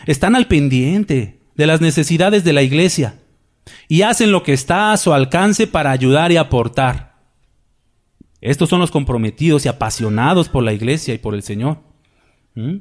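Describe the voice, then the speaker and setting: Man, pastor preaching, emphatic and repetitive, asks the congregation questions, somewhat high voice. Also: animated, normal speed. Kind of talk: sermon. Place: church.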